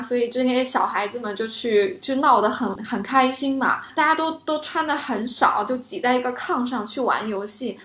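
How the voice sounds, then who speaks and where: A woman co-hosting a casual chat about a classic novel, telling scenes with animated delight and laughing often. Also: a little high, reverberant. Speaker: podcast co-host.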